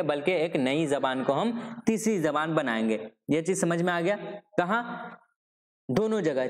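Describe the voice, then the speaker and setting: In a large hall, a male teacher from Bihar gives an exam-prep lecture in a high-pitched, darkish voice. He is repetitive, posing questions and answering them himself.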